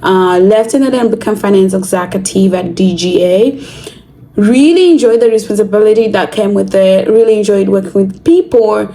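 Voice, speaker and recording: A young woman from Zimbabwe talks to camera in a casual vlog. Her voice is mellow and warm, and she sounds earnest and thoughtful. A faint hiss sits under the recording. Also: mid-range voice, moderate pace, rough recording. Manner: earnest, reflective, with fillers. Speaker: vlogger.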